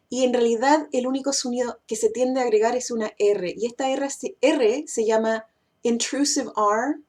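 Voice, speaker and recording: Woman, higher voice, casual pronunciation lesson, relaxed, thinking fillers. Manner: slows down and stretches English example words. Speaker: English pronunciation teacher.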